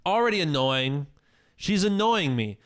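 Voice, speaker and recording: A man's voice: sing-song, measured pace, fairly bright tone, clean tone. A man in his twenties co-hosting a podcast, telling a story with heavy swearing and dropping his voice to quote others. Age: 20s. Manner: profane, exaggerated, lowers voice to quote others. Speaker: podcast co-host. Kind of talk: casual storytelling chat.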